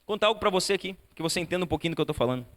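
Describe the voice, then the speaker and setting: A man, a pastor, preaches a sermon and tells a family story, moving between soft and loud passages and filling his speech with repeated tags. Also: high voice, expressive, racing. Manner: fills with repeated tags like "né" and "tal, tal". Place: church auditorium. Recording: church hall reverb.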